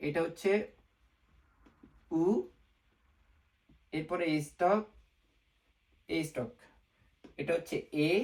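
A man's voice: fairly high pitch, darkish tone, rough recording. Man teaching step by step, repeating himself. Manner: repetitive, asks and answers own questions; mixes English words into Bengali. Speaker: Japanese language teacher. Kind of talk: whiteboard lesson narration.

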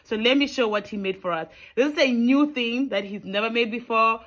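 A woman's voice: a little high, a little fast. Chatty woman. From Botswana. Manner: warm, chatty, emphatic with repeated phrases. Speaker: vlogger. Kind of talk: casual vlog chat.

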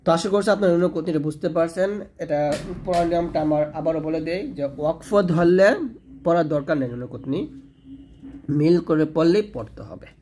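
A man's voice: a little high, brisk, dark tone, a little hiss or hum. A man teaching Quran reading rules in a patient tutorial, repeating points and demonstrating recitation. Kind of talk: explanatory tutorial lesson.

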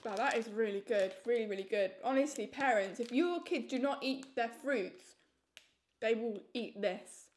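A young woman giving a casual, enthusiastic snack review to camera as she tastes crisps, repeating words for emphasis. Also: fairly high pitch, expressive, moderate pace. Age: young adult. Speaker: food reviewer.

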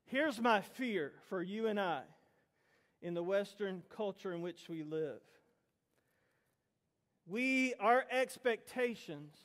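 A middle-aged man preaching a sermon built around a story, animated and acting out the voices of the people in it. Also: sits high, long reverb tail. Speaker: pastor.

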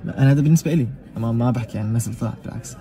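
A young man with a Gazan Arabic accent speaks to camera at a very quick clip. His voice sits low and mellow rather than bright, and he piles on oaths to stress each point. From Gaza. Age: young adult. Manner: emphatic, swears oaths often, talks rapidly. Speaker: vlogger. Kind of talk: casual personal monologue.

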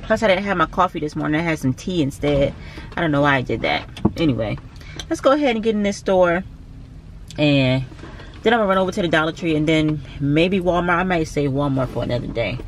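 A woman's voice: deep voice, expressive, a little fast, slight background noise. A young woman, chatting to her vlog camera from a parked car, tired and a bit cranky. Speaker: vlogger. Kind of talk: casual vlog chat. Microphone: handheld camera close by.

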